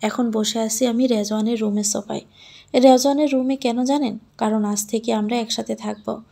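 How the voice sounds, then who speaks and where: A woman reading a first-person story in a measured, plaintive way, her higher voice slightly gravelly. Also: fairly even intonation, dark tone. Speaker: story narrator.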